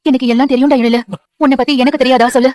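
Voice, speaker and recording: A woman's voice: sits high, fairly even intonation, rapid-fire, darkish tone, no echo, natural voice. An actress playing a loving mother who reassures and encourages her grown son in a TV serial. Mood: tender. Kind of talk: TV serial acting.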